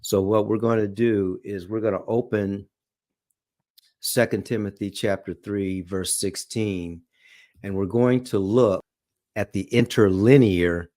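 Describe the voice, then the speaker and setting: A man leads a Bible study lesson, reading scripture slowly and often checking in with "okay?" and "all right?" His voice is on the low side, steady and dark in tone, recorded dry with clean studio sound.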